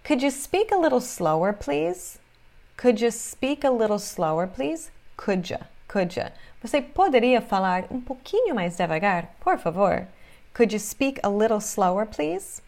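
A woman who speaks as her teaches English in an online lesson, repeating each phrase slowly so it can be copied. Her voice sits a little high and swings widely in pitch as she acts out question words with big gestures. Her pace stays unhurried throughout. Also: very animated, creaky, darkish tone.

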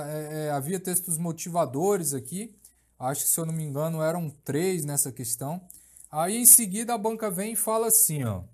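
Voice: medium pitch, darkish tone. A teacher giving a recorded course lecture, explaining step by step, repeating key phrases and checking in with tag questions.

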